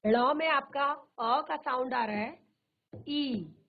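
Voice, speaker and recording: Slow high-voiced woman teaching, tinny audio. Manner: repeats terms and asks herself questions. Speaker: Hindi teacher. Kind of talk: slow classroom explanation. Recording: tinny phone-like virtual classroom audio.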